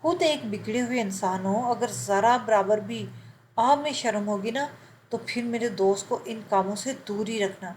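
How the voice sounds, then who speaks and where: A woman's voice: on the high side, slight background noise, natural voice, rough recording. A woman reading the lines of an accusing young woman scolding someone on the phone, in a storybook narration. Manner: sharp and accusing.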